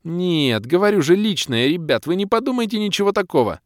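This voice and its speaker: A man voicing a flustered, embarrassed male healer who squeaks and pleads to justify himself. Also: big pitch swings, brisk, no echo, clean studio sound.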